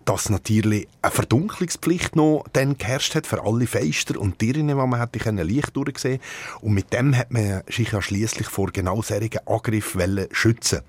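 Low, husky Swiss German man explaining. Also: normal speed, no echo. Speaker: radio editor and reporter. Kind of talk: explaining in a studio interview. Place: dry radio studio.

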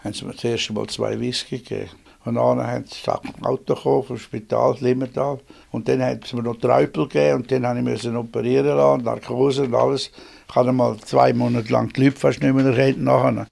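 Gravelly old Swiss German man reminiscing. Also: medium pitch, flat delivery, brisk, darkish tone. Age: 80s. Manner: rambling, plain-spoken storytelling. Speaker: inventor interviewed. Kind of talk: reminiscing interview. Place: small home office.

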